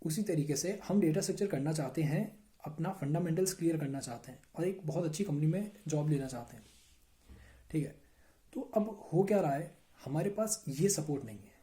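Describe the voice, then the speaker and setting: A man's voice: on the high side, expressive, brisk, mellow. A young man from India giving an earnest, conversational motivational talk to camera, speaking directly to his viewers. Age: young adult. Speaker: YouTuber, coding student.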